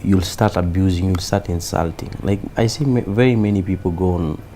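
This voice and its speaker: A Kenyan man with a Kenyan accent, a comedian chatting in an interview, animated and mixing in Swahili. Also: sits low, fairly quick, slight background noise. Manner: animated, mixes Swahili, acts out quoted voices. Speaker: comedian guest. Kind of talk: casual interview chat.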